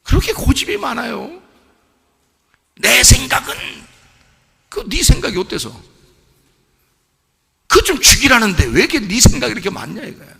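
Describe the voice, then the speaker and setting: A man preaching a sermon as pastor, firing rhetorical questions at the congregation and swinging from hushed asides to shouted exhortation. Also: extremely high pitch, sing-song, moderate pace, gravelly, long pauses, breathy edge, big-room sound. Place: church sanctuary.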